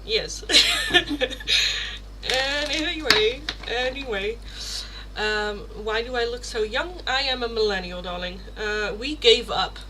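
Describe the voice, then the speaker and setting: A woman's voice: fairly high pitch, slight background noise, poor audio. A woman in her thirties hosting a casual live stream, chatting with viewers and answering their questions. She jokes about herself, laughs often and swears casually. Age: 30s. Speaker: tarot livestream host.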